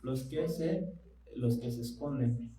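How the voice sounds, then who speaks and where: Preaching conversationally in church, a man puts questions to the congregation and waits for their replies. He has a mid-range voice with a dark tone, captured on a rough recording.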